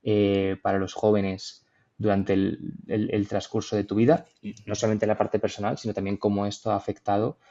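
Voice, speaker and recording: Young guy w madrid spanish accent, mellow low voice, kinda monotone, lots of ums n restarts, dull lo-fi sound. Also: moderate pace. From Madrid, Spain. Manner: thoughtful, hesitant, many fillers and restarts. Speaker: podcast co-host. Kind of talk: casual podcast conversation.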